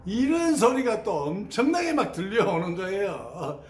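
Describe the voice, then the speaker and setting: A man telling his spiritual experiences in an animated, storytelling way and mimicking sounds as he teaches. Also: high-pitched, unhurried. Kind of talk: spoken teaching on meditation experiences. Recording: roomy sound with faint ambient noise.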